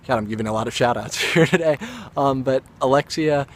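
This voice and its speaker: A man's voice: medium pitch, a little fast. A young adult man, an actor, casually telling a story to camera in a rambling way, with self-aware asides. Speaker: actor and vlogger.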